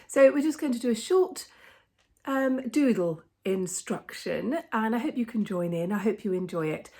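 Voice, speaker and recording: A woman in her fifties with a croaky voice, tired and under the weather, giving a casual doodle tutorial in a gentle, rambling, hesitant manner. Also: a little high, expressive, normal speed. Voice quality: croaky, husky voice. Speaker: artist and art teacher giving a tutorial.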